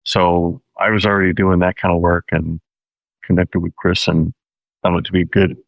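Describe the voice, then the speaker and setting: A man from Washington State, a documentary filmmaker telling his story in a relaxed, steady interview manner. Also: low voice, normal speed, vocal fry, no room sound, muffled recording. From Washington State, USA.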